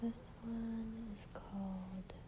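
A woman's voice: on the high side, flat delivery, extremely slow, noisy background. A woman in an intimate ASMR role-play, speaking tenderly and breathily as a partner reading poetry to someone lying in her lap.

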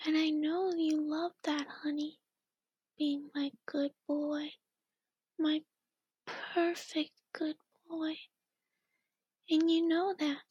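A woman whispering softly in a slow, coaxing and doting ASMR roleplay. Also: high voice, level tone, no room sound, muffled recording. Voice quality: soft breathy whisper.

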